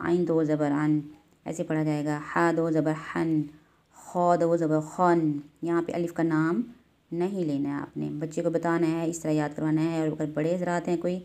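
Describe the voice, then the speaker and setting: A woman's voice: on the low side, mellow. A woman teaching Quran reading, patiently explaining each step and modelling drills aloud. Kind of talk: instructional lesson.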